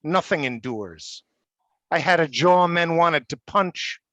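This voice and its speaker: Male poet, a bit high, halting between pieces, dry and close. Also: no room sound, dull audio. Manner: halting and stammering when talking, steady when reading. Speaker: poet and college faculty member. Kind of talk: poetry reading.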